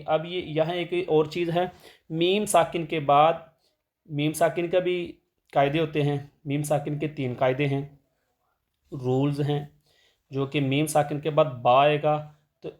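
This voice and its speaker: Man, tajweed teacher, fairly high voice, plain explaining, slow melodic chanting of verses. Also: fairly even intonation. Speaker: Quran recitation teacher. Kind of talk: tajweed lesson with chanted recitation.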